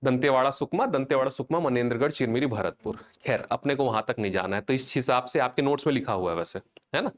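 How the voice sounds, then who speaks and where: Guy teaching an exam class, chatty, keeps asking if students got it. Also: medium pitch. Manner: call-and-response drilling, chanting mnemonics slowly; conversational, checks in with students often. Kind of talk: live online class lecture.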